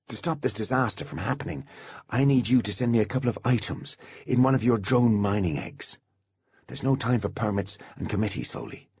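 A calculating young male genius in a storybook, speaking low and hushed with cool precision, as a man reads him. The husky voice stays quiet and measured, and the recording sounds a little dull. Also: exaggerated voice. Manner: soft, urgent, precise.

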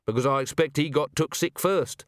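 A man voicing a shrewd male watch commander in an audiobook, dry and gently probing. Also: fairly high pitch, normal speed, dry recording, voice pushed up, natural voice. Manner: dry, gently coaxing questions.

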